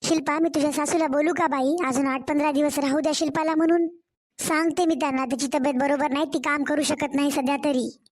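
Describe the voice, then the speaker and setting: A woman's voice: high voice, fairly even intonation, quick pace, natural voice. A woman voicing an older village mother, doting and worried, coaxing her daughter in a cartoon story. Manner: fussing, coaxing.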